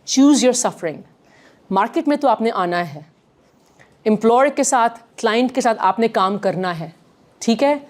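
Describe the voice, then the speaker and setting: A woman runs a communication workshop, shifting fast between English and Urdu. Her voice sits fairly high and moves a lot as she talks. She sounds animated and demonstrative. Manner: animated, mixes English and Urdu, rapid bursts. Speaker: communication skills trainer. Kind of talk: lively workshop lecture.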